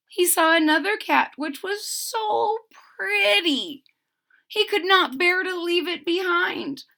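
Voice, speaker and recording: With a high-pitched, creaky voice and a sharp tone, this read-aloud storyteller performs a picture book expressively, drawing out words for emphasis and chatting to her young audience along the way.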